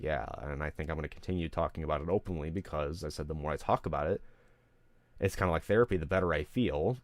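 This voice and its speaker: A deep-voiced man, recorded dry, unloads on his livestream audience in a frank, rambling rant. He gets emotional and swears constantly.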